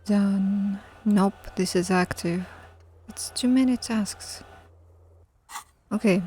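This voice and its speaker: A woman's voice: medium pitch, slow, a little mellow, husky. A woman streamer playing a story game live, reading it aloud and musing with chatty asides.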